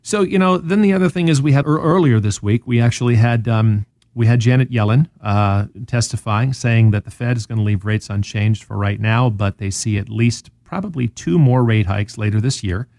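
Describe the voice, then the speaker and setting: Southern male host, warm low-key tone, dry close mic, sarcastic money explainer. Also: moderate pace, gravelly, few pauses, no room sound. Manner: animated, sarcastic, explains with rhetorical questions. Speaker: radio show host. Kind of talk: casual financial talk.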